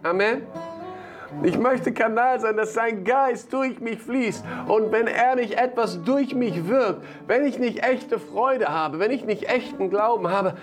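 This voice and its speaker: A man's voice: extremely high pitch, a little slow, faint music behind. A man preaching a sermon, emphatic and repeating his key phrases, with short laughs between lines.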